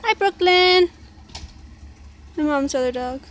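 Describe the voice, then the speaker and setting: A woman's voice: high-pitched, takes it slowly. A young woman narrating a casual home vlog outdoors on a handheld phone camera. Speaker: vlogger, mother. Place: outdoors in a grassy backyard. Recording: clear outdoor background noise, handheld.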